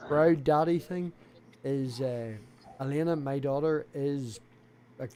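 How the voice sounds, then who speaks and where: A mellow-voiced Irish man hosting a loose late-night call. He rambles through his thoughts with plenty of swearing and casual asides, and he keeps a middling pitch throughout. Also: fairly even intonation, takes it slowly, a little hiss or hum.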